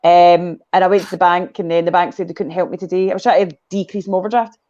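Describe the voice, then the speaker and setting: This Scottish woman speaks fast in a low, mellow, steady voice, and the lo-fi recording carries a slight hiss or hum. A guest on a casual video call, she spins a long, rambling tale full of tangents.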